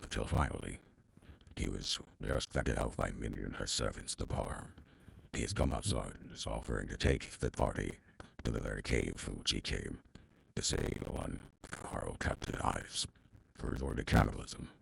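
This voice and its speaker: Gravelly, very deep male narrator. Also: normal speed, dry recording. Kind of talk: scripted narration.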